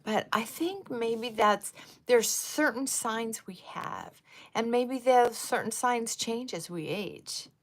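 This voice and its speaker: With a voice on the high side, this woman in her sixties chats slowly and animatedly during a makeup livestream. Her talk meanders across tangents, occasionally dropping to a quiet murmur.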